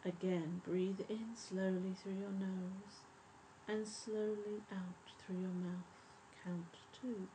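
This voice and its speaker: A woman leading a guided breathing meditation in a soft, soothing, measured spa voice that often trails toward a whisper. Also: mid-range voice, little pitch movement. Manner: measured, instructive. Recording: faint background noise and ambience.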